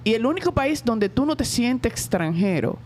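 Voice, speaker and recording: A middle-aged woman from the Dominican Republic with a Dominican Spanish accent, a school director answering interview questions in a reflective way, with many pauses and hesitations. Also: a little high, sing-song, darkish tone, slight background noise.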